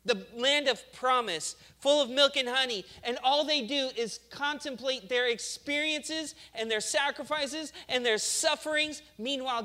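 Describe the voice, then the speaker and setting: Very high-pitched, bright and forceful, this man's voice carries a chatty sermon in which he plays out the complainers and other people he talks about.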